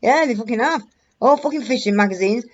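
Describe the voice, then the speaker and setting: A woman's voice: on the high side, animated, fairly quick, lo-fi sound. A woman, telling a rambling, blunt, sweary story to her viewers. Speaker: vlogger. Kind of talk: casual storytelling to camera.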